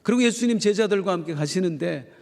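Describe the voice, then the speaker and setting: A middle-aged man preaching a sermon as pastor, telling stories in a folksy, animated way. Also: high voice, fast talker, vocal fry. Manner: folksy, animated storytelling with acted quotes. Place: church sanctuary. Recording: long church hall reverb.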